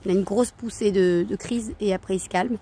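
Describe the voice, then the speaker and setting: A woman's voice: mid-range voice, fairly even intonation, brisk, dark tone, husky. A woman in her thirties, a parenting coach, talking in a casual vlog with many hesitations and restarts, outdoors at night.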